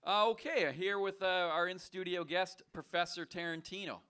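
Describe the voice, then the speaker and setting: Male call-in host, slightly high, bright and forceful, dry teasing banter. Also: steady tone, moderate pace, clear, resonant tone. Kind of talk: casual call-in show hosting.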